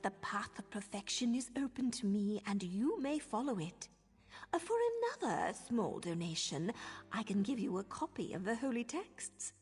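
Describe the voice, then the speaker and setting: Breathy hushed grifter priestess for a game, long hall reverb behind. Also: female voice, mid-range voice, expressive, normal speed. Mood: wheedling. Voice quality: breathy whisper. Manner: hushed, mysterious, wheedling for money. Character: scheming woman priest of a made-up ancient faith. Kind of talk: video game dialogue.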